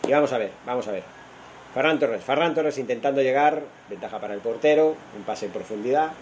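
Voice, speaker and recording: Informal Spanish football commentator, noisy stream. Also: male voice, medium pitch, fairly quick, a little mellow. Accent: Spanish from Spain. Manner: informal and opinionated, thinking aloud and correcting himself. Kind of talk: casual, improvised live football commentary.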